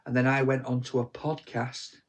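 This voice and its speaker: A man's voice: medium pitch, level tone, normal speed. Jokey Yorkshire man chatting live. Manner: jokey, teasing, rambling with restarts. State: tired from little sleep. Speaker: co-host of a live stream. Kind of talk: casual live chat.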